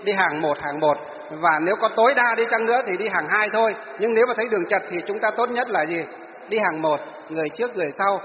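A man's voice: sits high, fast talker. Guy teaching a class, asks and answers his own questions, dull lo-fi sound, faint noise behind. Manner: asks students rhetorical questions and answers them. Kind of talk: classroom lecture to students. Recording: echoey hall, dull lo-fi.

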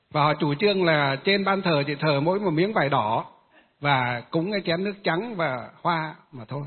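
A Buddhist monk telling a long story in a rambling, halting way, with many filler pauses. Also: male voice, on the high side, husky. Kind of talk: storytelling Dharma talk. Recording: tinny phone-like sound with long reverb.

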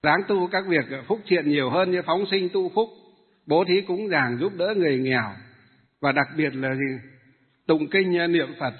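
A Buddhist monk giving a dharma talk to lay followers, asking the audience questions and then answering them himself. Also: male voice, on the high side, slightly rough. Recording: tinny phone-like sound in a hall with long reverb.

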